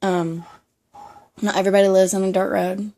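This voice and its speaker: Speaking at a normal pace in a level tone, this young Southern American woman has a mid-range, dark voice. She's a vlogger from the Southern United States, talking casually to camera at home with her dog close by. Her chat rambles, full of ums and frequent laughter.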